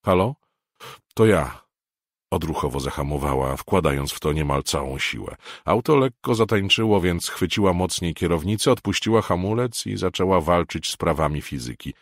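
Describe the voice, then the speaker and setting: A man from Poland reading a novel aloud as an audiobook narrator, measured and expressive. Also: deep voice, no echo, studio quality.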